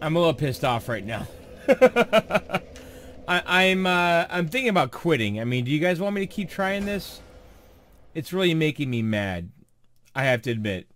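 A man narrates his own play session for viewers, his voice sitting high and leaping around in pitch. He takes his time between lines, then breaks into swearing and shouting at the game. A faint hum of noise sits under the let's play commentary. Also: sing-song, moderate pace. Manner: frequent swearing outbursts, yelling at the game; talks to viewers as "guys". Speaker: gamer streamer.

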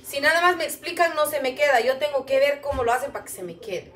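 A woman's voice: high voice, animated, fast talker, fairly bright tone, soft background music. A woman from Guatemala whose first language is Chuj, chatting casually on a home-kitchen livestream, reading out viewer comments and calling them "mamita". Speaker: cooking livestream host. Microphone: camera a little way off. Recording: echoey kitchen, distant mic.

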